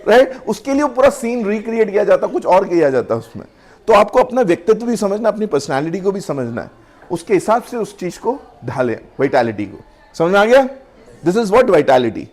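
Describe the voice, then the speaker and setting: A middle-aged man teaching personality development to a class in a lively lecture, mixing Hindi and English and acting out little scenes. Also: high-pitched, a little fast. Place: classroom or training hall.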